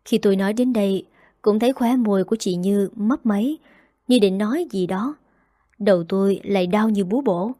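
Mellow woman narrating a romance novel. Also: mid-range voice, no echo, clean studio sound. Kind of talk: first-person audiobook narration.

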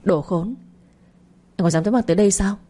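A woman's voice: medium pitch, a little fast, warm tone, close to an everyday voice. A woman voicing a grieving young wife. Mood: furious. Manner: tearful, pleading and indignant.

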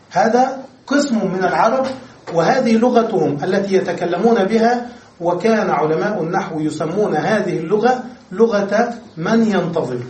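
High-voiced male teacher in an echoey room. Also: a little mellow. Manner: explains step by step, often checks understanding with questions. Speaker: Arabic grammar teacher. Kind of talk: classroom lecture. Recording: echoey room, voice far from the mic.

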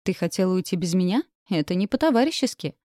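A woman's voice: lowish voice, big pitch swings, fast talker, dark tone, no echo, studio quality. A woman voicing a mocking, teasing burly bearded man in an audiobook.

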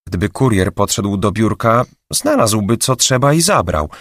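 A man's voice: fairly low pitch, very animated, moderate pace, no room sound, heavily acted. A man voicing a chatty, anxious young female receptionist who gossips with a raised voice, for an audiobook. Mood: aggrieved. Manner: raised gossipy voice, later hushed whispering.

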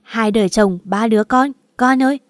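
A woman's voice: on the high side, fairly quick, no room sound, clean studio sound, natural voice. A woman voicing an older mother who scolds her daughter and breaks into sobs. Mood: anguished.

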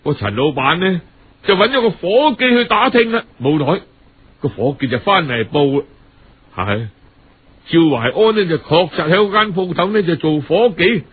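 This storyteller, a man with a Cantonese accent, has an expressive, slightly rough voice on the high side. He delivers his tale dramatically and colloquially in radio audiobook fashion, dragging out phrase-end particles, and the audio comes through narrow and tinny.

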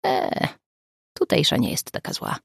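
A woman's voice: a little slow, no echo, lightly acted. A woman reading a wry police sergeant. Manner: dry, wry. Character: easygoing male police sergeant.

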